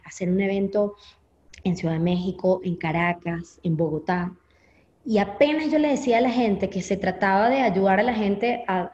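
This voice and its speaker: Animated Venezuelan woman telling her story. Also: fairly high pitch. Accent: Venezuelan Spanish. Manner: animated, acts out her own past thoughts. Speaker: interview guest. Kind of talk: candid personal storytelling. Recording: echoey, slightly dull audio.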